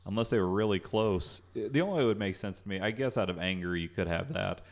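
A man's voice: low-pitched, lively intonation, fast. A man co-hosting a podcast in casual chat, laughing often and hedging with "you know" and "I guess". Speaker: podcast co-host.

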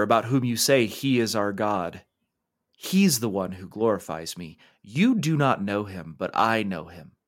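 A man reading scripture aloud and voicing Jesus as a calm, authoritative teacher in a solemn, measured way. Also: on the low side.

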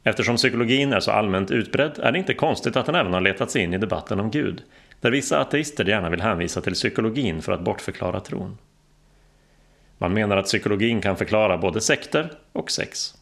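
Man, audiobook narration, dry wry delivery, low voice, gravelly. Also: lively intonation, a bit bright.

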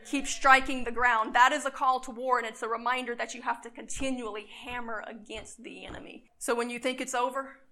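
A woman preacher delivering a sermon with fervent, emphatic delivery, her phrases swelling loud. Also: on the high side, steady tone, fairly quick, hardly any pauses.

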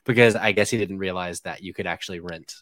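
A man's voice: deep voice, quick pace, fairly bright tone, no room sound, clean studio sound. A man co-hosting a podcast, sharing film trivia in a wry, rambling casual way. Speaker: podcast co-host. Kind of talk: casual comedic trivia chat.

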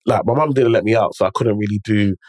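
A man's voice: on the low side, fast talker, no echo, studio quality. Emphatic London man with urban slang. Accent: London, urban multicultural slang. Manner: emphatic, repeats phrases, frequent rhetorical check-ins. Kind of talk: motivational conversational storytelling.

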